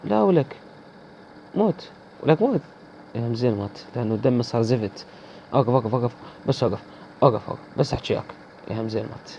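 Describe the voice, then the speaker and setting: A man's voice: mid-range voice, steady tone, rapid-fire, warm tone, dull audio, slight background noise. A man with an Iraqi accent commenting live on his gameplay, teasing opponents and chatting to viewers. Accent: Iraqi Arabic. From Iraq. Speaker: gaming video host.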